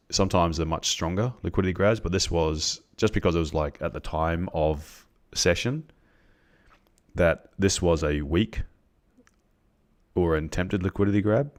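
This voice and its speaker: Deep-voiced man explaining chart trades. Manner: halting, many restarts and ums, explains to chat. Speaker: trading streamer. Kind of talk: live trading stream explanation.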